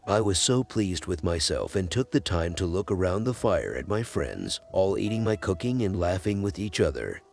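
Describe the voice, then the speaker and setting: A man narrating a first-person horror story in scripted narration, with a measured storytelling delivery. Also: sits low, big pitch swings, gravelly, a little mellow. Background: faint music.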